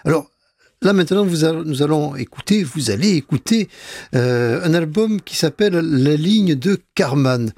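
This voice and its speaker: A radio music columnist presents jazz albums in a casual, hesitant chat full of fillers and restarts. His voice is fairly high, animated, and a little mellow at a moderate pace. The recording is studio quality, with no room sound.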